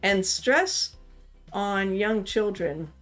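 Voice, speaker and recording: Over soft background music, the streamer's mother, a middle-aged woman from around Washington, D.C., talks about parenting in a medium-pitched voice with lively intonation and drawn-out words. Her chat is loose and rambling, full of "you know"s as she thinks out loud.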